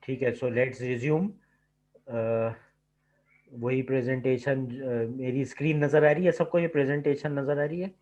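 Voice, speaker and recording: A lab instructor teaches a computer lab online, walking through every step and checking in with "ठीक है" each time. He speaks unhurriedly in a mid-range, somewhat mellow voice with fairly even intonation, heard through a video-call computer mic with slightly dull sound.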